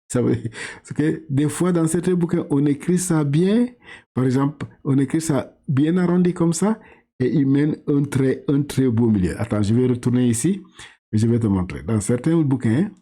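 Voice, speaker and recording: A middle-aged man whose first language is not French, teaching Quran reading in a chatty, informal way, laughing often and drawing out syllables in slow drills. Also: medium pitch, creaky, dark tone.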